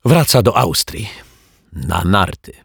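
A man voicing a coarse, overly friendly male crook with a raspy chuckle and slangy talk, in a storybook. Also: sits low, big pitch swings, slow, a bit bright, no room sound, clean studio sound, exaggerated voice. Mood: jovial. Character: coarse cheerful male small-time crook.

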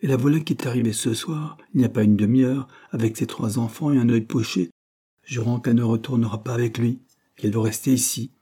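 A man voicing an embittered, worn-out male laborer who complains loudly and resentfully. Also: medium pitch, fairly even intonation, brisk, husky, natural voice. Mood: resentful complaint. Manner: aggrieved and loud.

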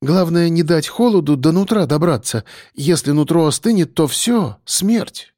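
A man's voice: fairly high pitch, expressive, unhurried, warm tone, no room sound, clean studio sound, voice pushed up. A man voicing a kindly, bustling village housewife who fusses over a guest. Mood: fussing. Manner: bustling, soothing.

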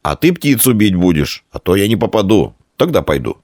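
Sleepy, sturdy teen boy with a deep voice, gruff and short with words, voiced by a man. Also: big pitch swings, darkish tone, no echo, studio quality. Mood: calm. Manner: slow, gruff, laconic. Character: sturdy 13-year-old boy, sleepy, bass voice.

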